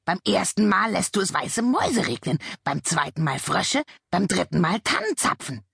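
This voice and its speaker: A woman voicing a wise, reproachful male talking raven in a children's audiobook, with a croaking, shrill delivery. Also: very animated, moderate pace, a bit bright, no room sound, studio quality, exaggerated voice. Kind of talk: audiobook character voice.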